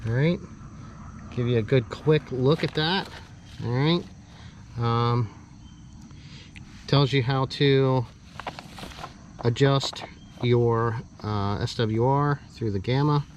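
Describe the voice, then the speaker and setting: Camera in hand, a man films himself unboxing a product as a hobbyist vlogger, thinking aloud in halting, casual remarks while he works with the parts. He has a medium-pitched voice. Because he holds the camera as he works, the mic distance shifts, and the audio is noisy with clear background noise.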